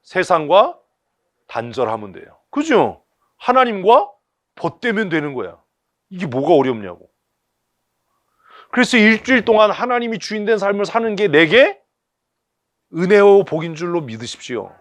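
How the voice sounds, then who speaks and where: A man's voice: sits high, very animated, moderate pace, pauses often, no echo. A man preaching a sermon in blunt, colloquial speech full of rhetorical questions. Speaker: pastor. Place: church service.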